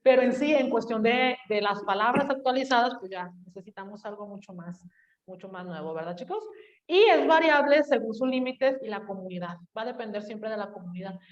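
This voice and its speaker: A woman teacher from Mexico with a Jalisco accent lectures her class, talking casually and checking in with her students. Her voice sits a little high. The recording is dull and lo-fi, picked up from a distance in an echoey room. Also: expressive, fairly quick. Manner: chatty, addresses students directly with tag questions.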